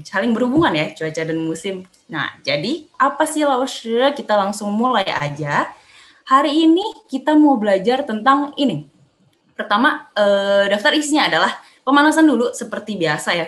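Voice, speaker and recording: A woman's voice: mid-range voice, sing-song, normal speed, fairly bright tone. A young woman teaching an online Mandarin lesson in a cheerful, chatty way, drilling syllables aloud with exaggerated tones. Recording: echoey room.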